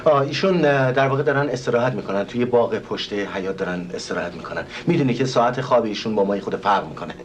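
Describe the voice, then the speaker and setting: A man's voice: on the low side, animated, few pauses, slight background noise, lightly acted. A man playing a flustered, over-polite organizer. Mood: placating. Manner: formal, placating, stammering. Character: flustered, overly polite male show organizer. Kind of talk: stage comedy acting.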